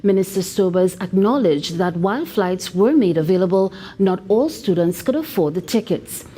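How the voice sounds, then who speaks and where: A woman reporter reading a news report in a measured, scripted way. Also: mid-range voice, lively intonation, mellow, a little hiss or hum.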